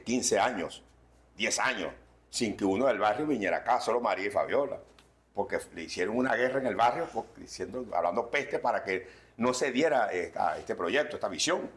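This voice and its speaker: A man preaching a sermon as pastor, swinging between loud warnings and quiet asides. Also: lowish voice, expressive, moderate pace.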